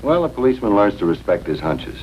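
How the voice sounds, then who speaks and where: Brisk, low-voiced 1950s TV cop; quick and matter-of-fact, with a dull, hissy old broadcast sound. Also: male voice, very animated. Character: confident middle-aged male police detective. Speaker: police detective. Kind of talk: 1950s TV drama acting.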